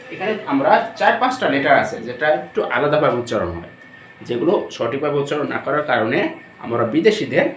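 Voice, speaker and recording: A man's voice: medium pitch, a little hiss or hum. A man with a Bangladeshi accent teaching students as an English teacher, drilling each letter over and over and asking the class questions. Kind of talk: classroom-style lesson addressed to students. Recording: roomy echo, distant from the mic, faint ambience.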